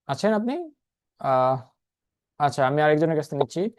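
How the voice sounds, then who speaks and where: A man's voice: a little high, big pitch swings, moderate pace, clean tone. A man teaching an online class over a video call, patiently repeating and spelling things out for his students. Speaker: spoken English instructor.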